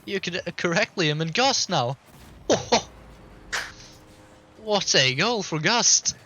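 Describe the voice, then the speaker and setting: A man doing fast, excited play-by-play commentary as an esports caster. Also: sits high, slight background noise. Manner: quick, excited play-by-play, laughs easily.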